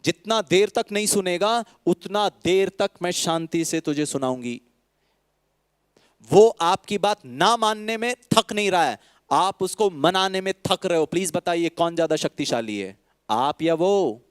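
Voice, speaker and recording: A man with an Indian accent gives a spiritual talk to an audience, slipping between Hindi and English. His voice is smooth, resonant and fairly high for a man, recorded close and dry. He teases with rhetorical questions and briefly acts out the people he quotes. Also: animated, unhurried, no room sound. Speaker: spiritual speaker.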